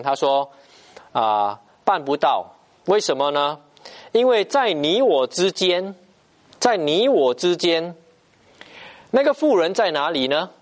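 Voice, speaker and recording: A man preaching a sermon, emphatic and repetitive, pausing often to stress his points. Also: on the high side.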